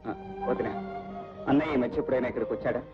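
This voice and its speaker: Guy playing a young son, earnest n firm, talks quick, old film audio w music. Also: mid-range voice, highs cut off, natural voice. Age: young adult. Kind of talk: Telugu film dialogue.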